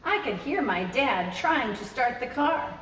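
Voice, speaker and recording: As a storytime host, a woman reads aloud to children in an unhurried way, her pitch swinging very lively as she speaks to them directly and expressively. She's recorded from a distance in a roomy, echoing space, with some noise.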